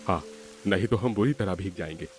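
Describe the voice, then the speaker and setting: A man's voice: low-pitched, fairly quick, faint music behind, close to an everyday voice. A man voicing an easygoing, agreeable father-in-law in a cartoon story. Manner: agreeable, food-loving.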